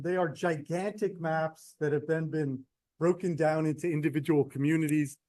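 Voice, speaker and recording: A man's voice: a little high, no echo. A man, a professor, leading a workshop, speaking conversationally and addressing the audience directly. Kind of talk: lecture with instructions. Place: meeting room.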